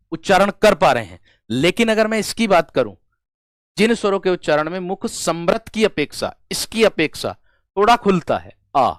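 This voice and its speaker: A man teaching an exam-prep lesson, feeling unwell, repeating questions and answering them himself as he explains slowly to his students. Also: mid-range voice, dry recording, studio quality. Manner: repetitive call-and-response, addresses students as friends.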